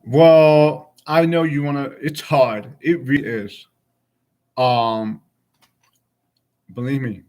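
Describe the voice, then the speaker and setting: A man's voice: medium pitch, little pitch movement, slow pace, long pauses, a little mellow. Rambling man in his forties. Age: 40s. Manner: rambling, conversational, frank. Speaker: streamer. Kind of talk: casual chat with viewers.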